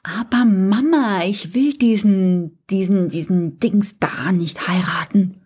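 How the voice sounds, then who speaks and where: A woman's voice: mid-range voice, slow pace, dark tone, husky. A woman voicing a rebellious young princess who whines and pleads. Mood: whiny. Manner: whiny, pleading.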